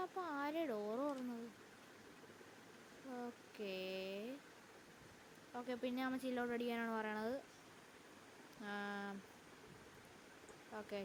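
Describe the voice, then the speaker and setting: Chatty woman gamer, fairly high voice. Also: background noise. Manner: chatty, addresses viewers as guys, jumpy frightened outbursts. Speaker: gaming YouTuber. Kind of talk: let's play commentary.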